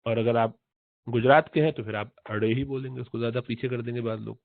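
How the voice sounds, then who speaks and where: Male tajweed teacher, repeats letter sounds, drawn-out chanted recitation, tinny phone-like sound, dry. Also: mid-range voice, fairly even intonation, vocal fry, no room sound. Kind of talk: tajweed lesson in Urdu.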